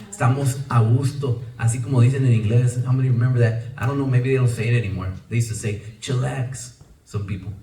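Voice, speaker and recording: A man's voice: mid-range voice, mellow. A man preaching a bilingual sermon, firing off rhetorical questions and acting out quotes. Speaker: pastor. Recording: echoey church room, mic at a distance.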